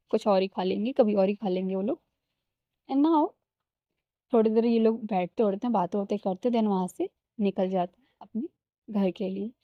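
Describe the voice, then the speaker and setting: A woman's voice: mid-range voice, dry recording. Chatty woman narrating a love story. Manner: chatty, addresses listeners as guys, mixes English. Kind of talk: casual spoken story narration. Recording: slightly dull lo-fi recording.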